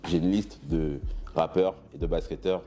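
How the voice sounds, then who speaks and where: Very deep-voiced relaxed man, halting. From Benin roots. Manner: relaxed, hesitant with many fillers and restarts; gestures broadly while seated. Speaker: brand founder, guest. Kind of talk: casual interview talk. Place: studio room with clothing racks, indoors.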